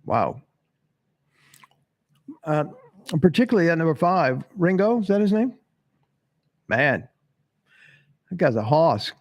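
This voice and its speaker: A high-pitched man drawling through his commentary at an unhurried pace. He talks bluntly, cusses freely and chuckles at his own stumbles. The sound is close and dry, with no room around it. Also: big pitch swings, dry recording. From Tennessee. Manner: blunt, swearing, laughing at himself. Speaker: sports podcast host. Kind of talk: casual live-stream commentary reading chat.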